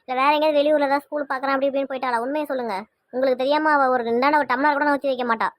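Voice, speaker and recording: A woman voices a worried mother in a homemade family drama, speaking at a breathless clip in a high, narrow voice. She hurls question after question. The recording is dry, with no room sound. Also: steady tone, dry recording, lightly acted. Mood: accusing. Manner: rapid pleading questions, fretful. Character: anxious mother fretting over missing daughter. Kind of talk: amateur family web drama.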